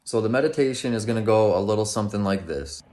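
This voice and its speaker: A man with a slightly low voice talks through meditation practice like an informal instructor. His delivery is plain-spoken and conversational, explaining things step by step in everyday language. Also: fast, a little mellow. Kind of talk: casual instructional talk on meditation.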